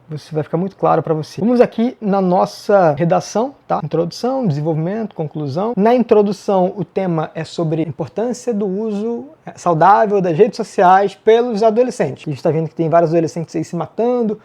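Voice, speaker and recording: A man's voice: high-pitched, mellow. Joking Brazilian man teaching an essay lesson. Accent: Brazilian Portuguese. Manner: brisk, joking, self-mocking; talks straight to students, casual slang. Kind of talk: online video lesson.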